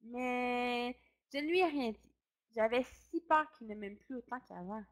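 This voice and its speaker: A woman storyteller reading a children's story aloud in the first person, with expressive narration. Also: fairly high pitch, unhurried.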